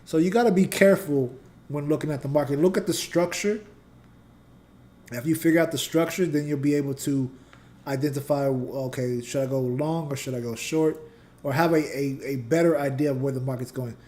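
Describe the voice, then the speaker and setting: On his trading channel, a host and teacher goes through price charts live in a loose, conversational way, chatting with viewers in the chat. His voice is a little high, a little fast and a little mellow, and it's turning slightly scratchy.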